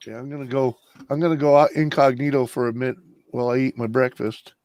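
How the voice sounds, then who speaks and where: A man's voice: medium pitch, steady tone, quick pace, darkish tone. A man chatting casually on a live stream panel, telling stories in a rambling way with many fillers. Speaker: panel guest.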